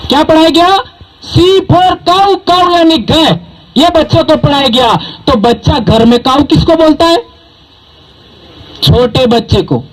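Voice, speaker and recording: A man with a high voice, originally a Bhili speaker from southern Rajasthan, India, gives a rousing public speech from a stage as a community speaker. He is a little slow but emphatic, quizzing the audience with rhetorical questions. There is slight background noise, and the audio is poor overall.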